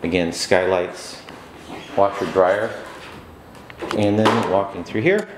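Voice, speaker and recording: A deep-voiced rental agent walks room to room through an empty apartment, narrating an unscripted tour that halts with frequent "uh"s and restarts. It's recorded on a handheld camera's mic, so the empty rooms echo and there's background noise.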